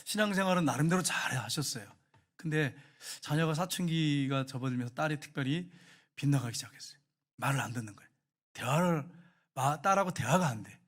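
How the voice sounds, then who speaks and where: Man preaching, middle-aged, fairly high-pitched voice, storytelling with sudden loud and hushed turns. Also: animated, fairly quick. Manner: storytelling, acts out quoted lines with sharp rises and hushed drops. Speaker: pastor. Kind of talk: sermon.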